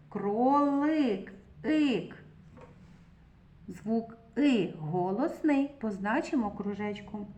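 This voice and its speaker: A woman teaching preschoolers letters and sounds in a deliberate, sing-song, patient way. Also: on the high side, darkish tone. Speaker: kindergarten teacher. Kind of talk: slow, clearly articulated preschool literacy lesson.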